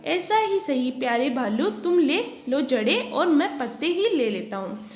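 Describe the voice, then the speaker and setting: A woman's voice: high-pitched, sing-song, unhurried, darkish tone, reverberant. A woman doing a clever, polite farmer. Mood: sweet-talking. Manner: agreeable, sweet-talking.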